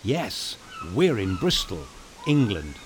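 Speaking slowly and with great animation, a man with a lowish voice performs a scripted children's story, addressing young listeners directly in a playful, theatrical style. He's the storyteller and host of a bedtime podcast for kids. The background is noisy, with music underneath.

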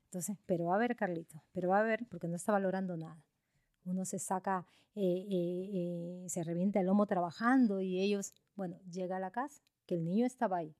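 A woman telling a moral story in a sermon, animated, with frequent fillers. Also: on the low side, a little fast, no room sound, clean studio sound.

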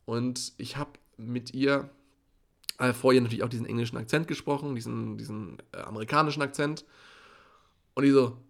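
A man's voice: mid-range voice, steady tone, fairly quick, gravelly. A teenage boy co-hosting a casual podcast, rambling through school anecdotes with lots of fillers. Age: teens. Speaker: podcast co-host, school student.

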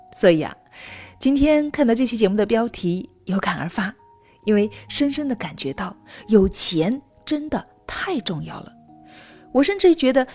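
A woman hosting a scripted radio talk show, speaking directly to her female listeners and stretching out soft particles at the ends of phrases. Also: mid-range voice, husky. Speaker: radio host.

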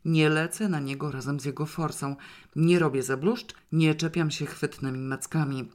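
A woman's voice: sits low, fairly even intonation, moderate pace, a little mellow. Woman reading a novel aloud. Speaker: audiobook reader. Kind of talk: scripted narration of a novel.

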